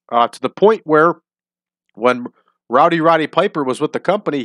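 A man whose sinus infection leaves him stuffy and nasal hosts a wrestling simulation series with upbeat, casual commentary, addressing viewers as "everybody." His voice is fairly high, and the recording is dry.

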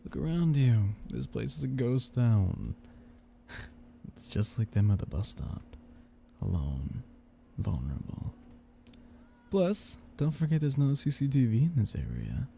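A man's voice: medium pitch, big pitch swings, a little slow, gravelly, pauses often, dark tone, slight background noise. A man playing a sly, coaxing male devil who schemes with playful menace in an ASMR audio role-play. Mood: sly, goading.

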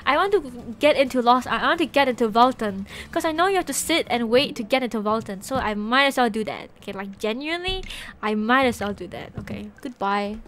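A young Singaporean woman streams on Twitch from her small bedroom, chatting casually with viewers in a Singaporean English accent through a desk microphone with a headset. Her voice is a little high, animated, and a bit bright, coming fairly quick with hardly any pauses. She giggles often and trails off mid-sentence.

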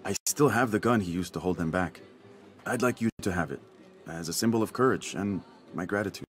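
In a video game cutscene, a middle-aged man plays a village father from the working class who is anxious and grateful. He talks in a halting, earnest way with a low, natural voice.

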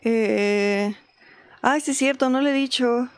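Chatting casually on a live stream from home, a woman plays a game and welcomes viewers by name in a Mexican Spanish accent. She speaks at a slow pace, her voice a little high.

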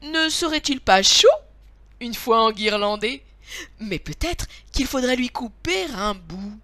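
A woman's voice: fairly high pitch, lively intonation, a little slow, bright, forceful tone. Zealous storybook maid, thinking aloud, as a woman reads her. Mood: musing.

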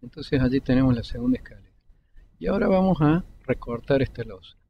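A man, calmly explaining each step of a 3D modeling tutorial over a screen recording, pausing between clicks. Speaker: 3D modeling instructor. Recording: dull lo-fi desktop mic with faint rumble.

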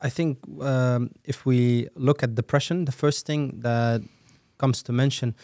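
A man hosting a podcast, putting questions to his guest in soft, hesitant phrasing. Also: medium pitch, steady tone, measured pace, no echo, clean studio sound. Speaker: podcast host. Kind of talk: interview questions.

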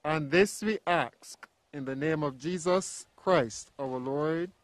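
A man leading a funeral committal, reading liturgical prayers in a slow, solemn, measured cadence. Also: fairly high pitch.

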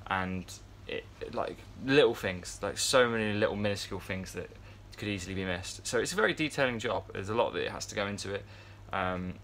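Fairly quick and with few pauses, this lowish, fairly bright male voice belongs to a man in his twenties recording a casual vlog. He rambles to a phone camera held at arm's length in an indoor yacht crew area near a fan, full of fillers and restarts, with slight background noise.

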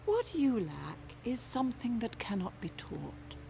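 A cold, clipped monster dean, stern and imperious, lively pitch, cartoon. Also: female voice, measured pace, creaky, a little hiss or hum, full character voice. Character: stern older female dean of a scare school.

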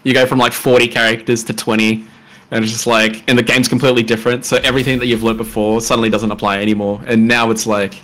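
A man doing live esports commentary on a fighting game, analytical and quick to exclaim at big plays. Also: mid-range voice, level tone, a bit bright.

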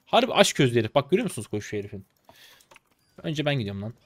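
A man in his twenties from Turkey, a streamer commentating his game live in an excitable, chatty way, talking to his viewers and teasing opponents. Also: mid-range voice, racing, no echo. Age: 20s. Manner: excitable, chatty, talks to chat, bursts of laughter and teasing.

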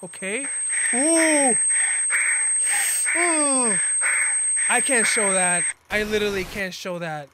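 A very noisy recording captures a young American reaction host from California, in his twenties, talking slowly with many pauses in a high-pitched voice. He exclaims and uses slang in casual commentary from a small gaming room, music playing behind him.

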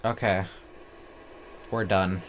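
A man's voice: low-pitched, fairly even intonation, slow. A man giving casual, self-deprecating commentary while playing a video game, groaning and pleading at it. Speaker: gaming commentator. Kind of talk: casual let's-play commentary. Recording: faint game music behind.

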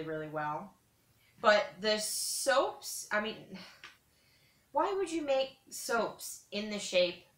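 A woman's voice: mid-range voice, bright, forceful tone. A young woman chatting casually and rambling as she thinks aloud, recorded on a camera a little way off in a small room indoors. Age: young adult. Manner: conversational, thinking aloud, repetitive. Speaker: vlogger. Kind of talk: casual rambling chat while cutting soap. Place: small carpeted room with bare walls, indoors. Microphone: camera a metre or two away. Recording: echoey room, camera mic at a distance.

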